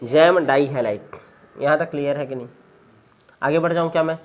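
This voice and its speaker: A man with a high voice teaching a chemistry lesson in a casual, folksy way. He keeps quizzing his students and repeats each answer for them. His delivery is a conversational classroom lecture. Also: fairly quick, muffled recording.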